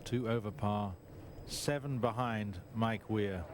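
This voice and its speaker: A man's voice: on the low side, slow pace. A man giving golf commentary on a television broadcast, reporting on a player's round. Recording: noisy outdoor broadcast on VHS tape.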